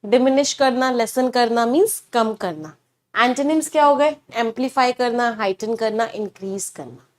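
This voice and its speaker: Young female English teacher, fairly high voice, bilingual explainer who quizzes herself aloud. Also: normal speed. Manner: explains words in Hindi mixed with English, asks rhetorical questions. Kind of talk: online vocabulary lesson.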